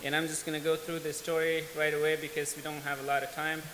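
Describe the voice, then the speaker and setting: A man in his twenties from Afghanistan earnestly shares his life story as a guest speaker in a large church hall. His fairly high, slightly bright voice is completely flat, plain-spoken and unhurried with small restarts, and the recording is echoey with faint hiss.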